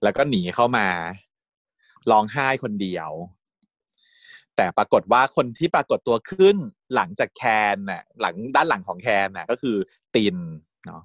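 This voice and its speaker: A man chatting casually as a fan retelling episodes, animated and gushing. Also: on the low side, normal speed, no room sound. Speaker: fan recapping a series. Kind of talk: casual chat.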